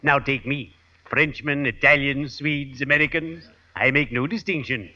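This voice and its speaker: A man playing a morbid, courtly gravedigger in an old-time radio comedy, speaking formally and deliberately with ghoulish good cheer. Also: mid-range voice, sharp tone. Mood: ghoulish relish. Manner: formal, deliberate, drawn-out macabre puns. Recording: noisy, dull old radio recording.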